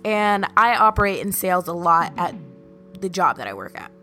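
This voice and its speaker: A woman's voice: fairly low pitch, big pitch swings, moderate pace, bright, forceful tone, soft background music. A young woman telling personal stories casually as a podcast host, with a valley-girl way of talking full of "like". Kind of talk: casual personal storytelling monologue.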